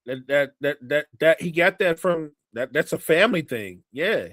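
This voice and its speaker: A man co-hosting a podcast in casual chat, talking haltingly with many restarts and fillers. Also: fairly high pitch, lively intonation, fairly bright tone, dry recording. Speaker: podcast co-host. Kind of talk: casual chat about wrestling.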